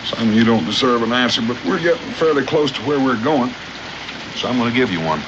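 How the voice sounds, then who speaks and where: An actor playing a steady, principled frontiersman in a 1960s TV western, with a plain-spoken, folksy cowboy manner. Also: mid-range voice, fast talker, lightly acted. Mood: firm. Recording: muffled, noisy old TV soundtrack.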